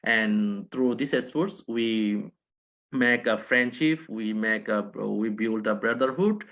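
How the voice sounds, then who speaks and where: A Rohingya man from a Bangladesh refugee camp, speaking as a panelist in a halting way with many restarts. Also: fairly low pitch, fairly bright tone. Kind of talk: online panel talk.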